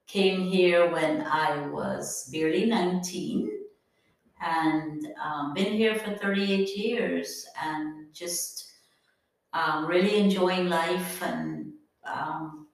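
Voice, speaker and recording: A woman in her fifties, originally from Guyana, recounts her life as a podcast guest. Her low voice is earnest and reflective, full of pauses. She sounds far from the mic in a strongly echoing room. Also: gravelly. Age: 50s. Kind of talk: personal storytelling interview.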